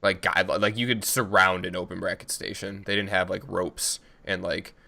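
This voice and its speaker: Low-voiced bright young man chatting. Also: little pitch movement, normal speed, gravelly. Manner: loose, rambling, laughs between stories. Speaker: podcast co-host, competitive gamer. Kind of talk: casual chat.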